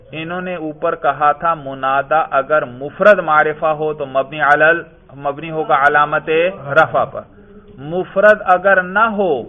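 Man teaching grammar over a tinny line. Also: a little high. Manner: asks questions and answers them himself. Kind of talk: explaining a text line by line. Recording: tinny phone-like sound.

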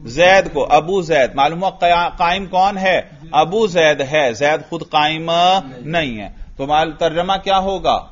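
A man's voice: a little high, few pauses, lo-fi sound. A man teaching Arabic grammar in a classroom lesson, asking questions and answering them himself step by step.

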